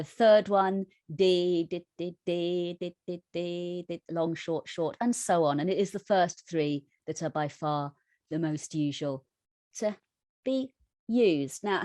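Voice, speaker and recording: A woman's voice: low-pitched, darkish tone, dry recording, studio quality. A woman tutoring an online music workshop, explaining thoughtfully with frequent restarts and self-corrections.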